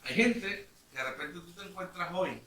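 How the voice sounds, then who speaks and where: In a church meeting hall, a male pastor with a high voice preaches a lively sermon at a moderate pace, retelling a story, acting out dialogue with sudden loud outbursts, and questioning the congregation. The echoey recording was captured from a distance with faint noise.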